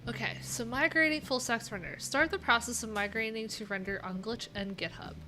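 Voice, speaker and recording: Speaking a little fast in a pushed, bright voice on the high side, an American woman in her thirties chats informally as a livestream host. She rambles wryly while reading docs in a small, cluttered room, with background music and a little hiss or hum audible.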